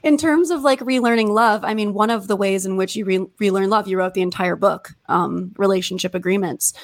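A woman hosting a podcast, chatty and loose, with many fillers as she asks her questions. Her voice has a gravelly fry, and the recording is dry and close. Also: medium pitch, fairly quick, no echo. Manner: chatty, filler-heavy, uses "like" often. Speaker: podcast host. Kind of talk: casual interview talk.

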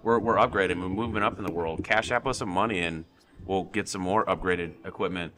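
A man's voice: sits low, fairly quick, a bit bright. A man hosting a comedy podcast live from a bar, teasing his co-host and guest with dry jokes. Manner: joking, dry teasing delivery. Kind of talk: casual comedy podcast chat. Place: bar venue with a crowd. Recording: live venue with crowd chatter behind. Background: crowd chatter.

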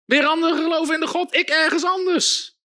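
A man preaching a sermon in an emphatic, repetitive style, often calling for amens and sometimes shouting. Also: very high-pitched, steady tone, brisk. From Netherlands.

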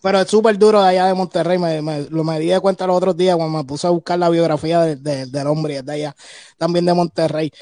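A man's voice: a little high, steady tone, quick pace, mellow, no room sound. A man with a Puerto Rican accent hosting a live radio interview, with enthusiastic slangy interjections. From Puerto Rico. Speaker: radio host. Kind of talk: casual interview.

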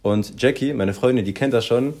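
A man tells an everyday story in casual chat, animated and full of fillers, acting out the people he quotes. His voice is medium pitch at a moderate pace.

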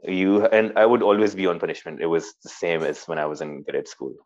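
A man's voice: low-pitched, fairly quick, lo-fi sound. A man with a Pakistani accent telling stories casually in conversation, informal and hesitant, often repeating his words. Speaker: interview guest, former army cadet.

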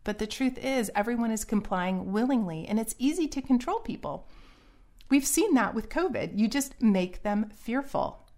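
A woman's voice: a little high, animated, moderate pace, warm tone. A middle-aged woman giving earnest, preachy solo commentary in a warning tone.

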